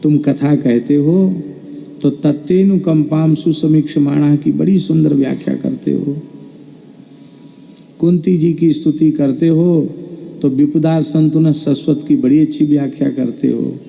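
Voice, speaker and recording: A man doing a gentle old guru, chiding. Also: a little high, steady tone, a little slow, creaky, long reverb tail, rough recording. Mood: gently chiding. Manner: kindly chiding, reassuring. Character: elderly male guru, gentle, affectionately scolding. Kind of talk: quoted speech in a sermon story.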